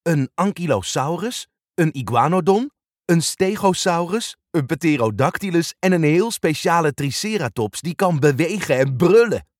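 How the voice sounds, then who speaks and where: A man reading a storybook and voicing Bob, a calm, friendly builder who explains things plainly. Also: fairly high pitch, moderate pace, no echo, clean studio sound, pitched above the performer's own voice. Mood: instructive. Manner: calm, instructive speech.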